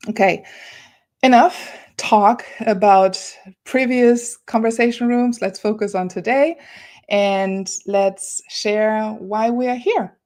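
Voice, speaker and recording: A woman hosts and moderates an informal online panel over a video call from an office, speaking conversationally and often voicing little quotes as she retells things. Her mid-range voice has a darkish tone, and she takes it slowly. The audio is captured through the video call.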